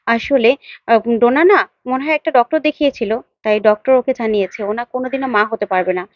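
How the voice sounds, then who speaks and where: A woman's voice: a little high, quick pace, no echo, muffled recording, lightly acted. A woman voicing a scheming young troublemaker who talks in a sly, sugary way.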